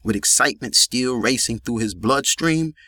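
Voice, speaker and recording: A man narrating a gritty crime audiobook in an even storytelling manner. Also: mid-range voice, moderate pace.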